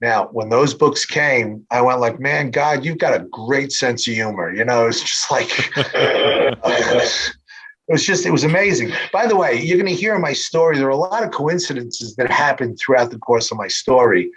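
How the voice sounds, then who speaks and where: A man's voice: mid-range voice, normal speed, fairly bright tone, slightly rough. A man in his sixties, a podcast guest, telling a long personal story with many ums and restarts. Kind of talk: storytelling interview. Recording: dull lo-fi sound.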